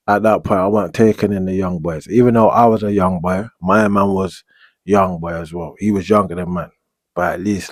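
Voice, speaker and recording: Young man, London street accent, very low voice, dry close sound, laid-back slangy storytelling. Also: dry recording. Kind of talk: storytelling monologue.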